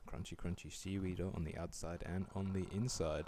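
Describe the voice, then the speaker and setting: A young man giving relaxed, dryly joking voice-over commentary as he rates food. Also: sits low, normal speed, background noise. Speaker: vlogger rating food.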